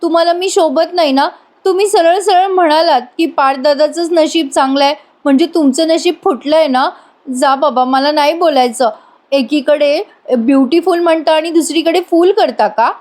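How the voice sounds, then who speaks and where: A pouting young wife who sounds close to tears and keeps complaining, as a woman narrator puts her on. She speaks in a high, girlish register. It is a dramatized retelling of a TV serial scene. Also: moderate pace, hardly any pauses, a little mellow, lightly acted. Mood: sulky.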